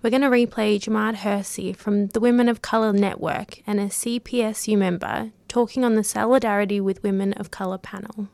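A woman's voice: mid-range voice, steady tone, fairly quick, vocal fry, few pauses, a little mellow. A woman radio presenter back-announcing a song and introducing a recorded talk.

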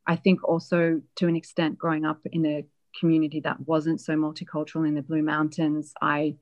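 A woman being interviewed, reflectively telling a personal family story with many pauses and fillers. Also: low-pitched, completely flat delivery, darkish tone, highs cut off. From Australia. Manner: reflective, hesitant with frequent fillers.

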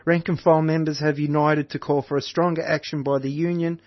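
A man's voice: a little high, flat delivery, fairly quick, dry recording, dull audio. Easygoing Australian radio co-host, man. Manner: easygoing, stumbles and self-corrects. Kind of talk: reading a news rundown.

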